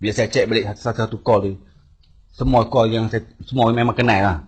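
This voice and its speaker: A man's voice: lowish voice, fairly even intonation, brisk, slightly rough. A man recounting events emphatically to an audience he addresses directly. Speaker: speaker giving testimony.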